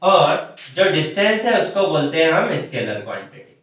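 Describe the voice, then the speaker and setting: A man's voice: a little high, big pitch swings, normal speed, a bit bright. Guy teacher explaining stuff step by step, asks then answers himself, way echoey, far off mic. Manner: explains step by step, asking and answering his own questions. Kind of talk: classroom math lesson. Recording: echoey room from far, dull lo-fi sound.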